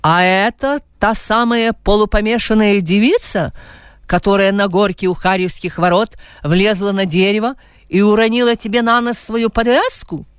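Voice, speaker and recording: A woman's voice: mid-range voice, steady tone, moderate pace, clear, resonant tone, no echo, studio quality, natural voice. A woman reading as a sly mocking widow.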